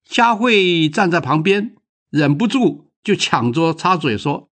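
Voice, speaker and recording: A man reading a children's story aloud with expressive, dramatic narration. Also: on the high side, slow pace.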